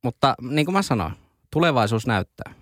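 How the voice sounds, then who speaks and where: A man's voice: medium pitch, very animated, dry recording, clean studio sound. A man hosting a podcast, chatting casually, laughing often and announcing things playfully. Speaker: podcast host. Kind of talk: casual chat.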